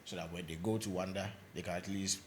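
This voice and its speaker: Fast-talking deep-voiced male pundit. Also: fairly even intonation, a little hiss or hum. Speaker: panelist. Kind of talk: football punditry.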